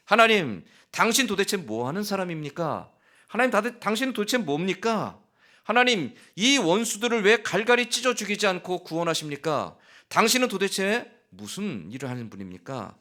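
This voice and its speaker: A man's voice: medium pitch, big pitch swings, normal speed, fairly bright tone. A man voicing an angry, bitter male prophet who rants at God in anguished outbursts. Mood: furious.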